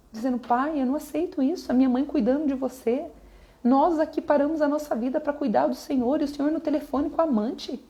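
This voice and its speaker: A woman's voice: a little high, warm tone. A woman from Brazil preaching an emotional sermon testimony on a live stream, repeating phrases for emphasis.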